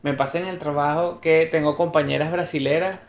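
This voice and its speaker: Venezuelan man, podcast co-host, animated anecdotes with acted-out quotes, roomy echo. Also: a little high, brisk. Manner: lively storyteller who acts out quoted dialogue. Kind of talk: casual chat.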